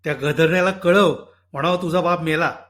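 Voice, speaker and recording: A man voicing an embittered middle-aged father who is quick-tempered and stern, in a loud, scolding delivery for a spoken story. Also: sits high, animated. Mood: furious.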